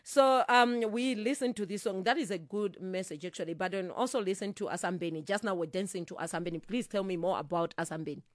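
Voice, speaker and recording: A woman hosting a music interview, relaying her guests' answers to listeners and questioning them in a rapid, animated way. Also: medium pitch, dry recording, clean studio sound. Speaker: interview host.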